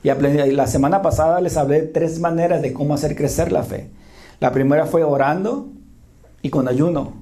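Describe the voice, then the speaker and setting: Warm, mellow pastor, informal sermon delivery, frequent quick asides to the congregation. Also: medium pitch. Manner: restarts and corrects phrases while talking. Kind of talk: conversational sermon. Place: church sanctuary before a congregation.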